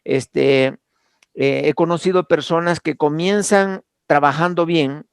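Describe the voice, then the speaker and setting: A man's voice: on the high side, slow pace, gravelly, smooth, no echo. A man teaching an online Bible class, speaking hesitantly with many fillers and restarts.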